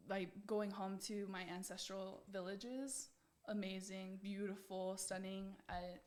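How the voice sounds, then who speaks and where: Being interviewed as a pageant titleholder, this young adult woman from the United States answers in an earnest, thoughtful, conversational way. Her medium-pitched voice is fairly even, unhurried and a little mellow.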